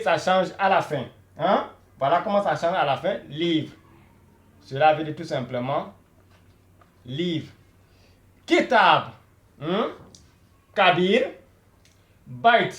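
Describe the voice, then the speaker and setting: Male language teacher, high voice, echoey room, patient and repetitive with beginners. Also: a little slow. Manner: patient, repeats words many times, checks in with "hein?" and "voilà". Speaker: Arabic teacher.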